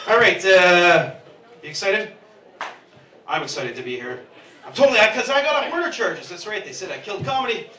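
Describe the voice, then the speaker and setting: With a pushed, bright, high voice and lively intonation, a comedian in his thirties talks fairly quickly and pauses often. His set is rambling, profane, and self-deprecating, performed on a handheld mic in a small pub basement and recorded from the room with roomy, distant sound.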